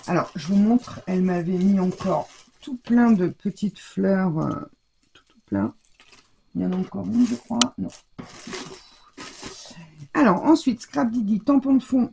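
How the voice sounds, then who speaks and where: Rambling through a relaxed show-and-tell of her scrapbooking haul, this French vlogger fills her talk with fillers. She speaks at medium pitch with a mellow, fry-tinged voice, scratchy-throated and stuffy-nosed.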